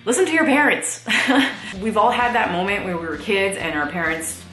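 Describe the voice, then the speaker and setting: A woman's voice: medium pitch, big pitch swings, normal speed, fairly bright tone, reverberant, soft background music. A thirty-year-old woman vlogging in a chatty, casual way, laughing often and using lots of fillers. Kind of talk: casual chat to camera.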